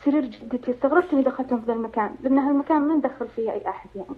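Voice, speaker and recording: A woman's voice: sits high, rapid-fire, husky. A woman calling in by phone, telling a dream in a rambling way with many fillers. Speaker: caller. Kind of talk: phone call recounting a dream. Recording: tinny phone line.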